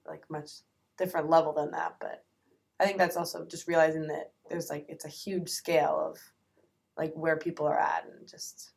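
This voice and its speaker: A young woman, a college student-athlete, talking as a podcast guest in halting speech full of fillers. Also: deep voice, vocal fry. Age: young adult. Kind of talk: casual podcast chat.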